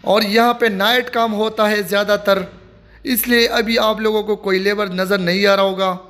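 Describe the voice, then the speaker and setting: Touring an outdoor stadium construction site, a vlogger narrates casually while filming with a handheld phone. His voice is high and a bit bright, with fairly even intonation and a moderate pace, and his comments are plain and repetitive.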